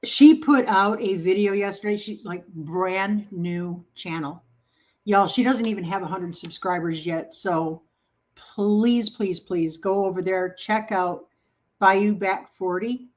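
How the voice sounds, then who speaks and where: Speaking slowly with a medium-pitched, somewhat dark tone, this woman hosts a home baking livestream. She chats casually and responds to viewer comments with playful encouragement.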